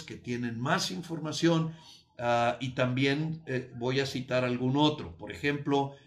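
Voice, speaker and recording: A man preaching a sermon, teaching with emphasis and light humor, repeating key phrases and slowing down to stress them. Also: mid-range voice.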